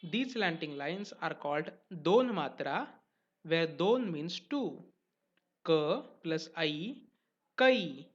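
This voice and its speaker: A man teaching letters as a language teacher, speaking slowly and carefully and stressing each example syllable. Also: on the high side, a bit bright. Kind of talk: explanatory lesson narration. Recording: dull lo-fi recording.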